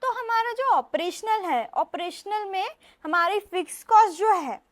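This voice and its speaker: A woman's voice: very high voice, lively intonation, measured pace, no echo. A young woman teaching an exam revision lecture, chatty and playful, mixing into her talk and drilling students in call-and-response.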